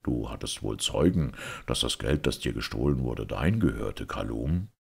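A man voicing a stern, just caliph in a fairy-tale reading, speaking low and measured. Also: lively intonation, creaky, breathy edge, heavily acted. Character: stern, just male caliph, grave authority.

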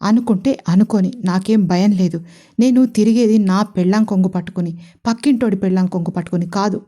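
A woman's voice: medium pitch, a little fast, natural voice. A woman reading a protective young husband. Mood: teasing firm. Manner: firm and forceful. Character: protective, teasing young husband, quick to anger.

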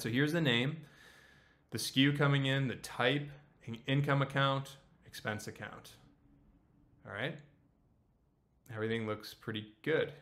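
A man in his thirties leads a screen-share tutorial in a bright, forceful voice at a middle pitch. He talks casually and explains each step, often pausing to ask "okay?". He sounds like a hands-on instructor speaking from a small room. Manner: casual, explanatory, frequent "okay?" check-ins. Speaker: accounting instructor.

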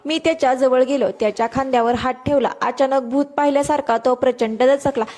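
A woman narrating a first-person story in a steady, descriptive storytelling manner. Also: high-pitched, fairly quick.

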